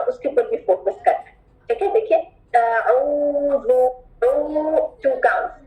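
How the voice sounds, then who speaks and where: A woman with a high voice leads a recitation class and firmly asks her students to pay attention. She repeats each word slowly and stretches it out to show how it should sound. The room is noticeably echoey. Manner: instructive, repeats words slowly drawn out as examples. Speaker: Quran recitation teacher. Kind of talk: online class instruction.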